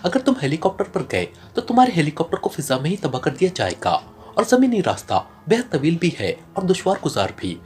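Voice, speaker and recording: Voicing a ruthless crime boss who has become an informant, a narrator reads his long, earnest explanations in a brisk, very animated way, lightly acted. The medium-pitched voice has a darkish tone, set against faint background music in this audiobook character reading.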